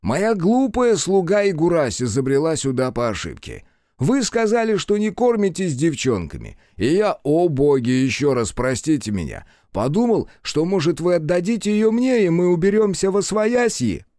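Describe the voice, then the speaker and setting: An effusive, bowing fat man, cheerful and wordy, as a male reader puts him on. His voice is raised higher and louder than the narration, bouncing with eager, ingratiating energy. The sound is dry and close. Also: big pitch swings, moderate pace, no room sound. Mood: fawning.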